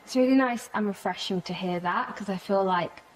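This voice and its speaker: A woman's voice: mid-range voice, slight background noise, low-quality recording. A young woman hosting a podcast interview, asking questions and chiming in agreeably with her guest. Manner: agreeable, quick to back the guest up. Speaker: podcast host. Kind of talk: casual interview conversation.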